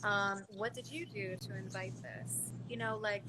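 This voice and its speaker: A woman's voice: medium pitch, steady tone, unhurried, background noise. A woman podcast host who interviews her guest in an earnest, chatty way, often quoting others in asides. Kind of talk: conversational interviewing.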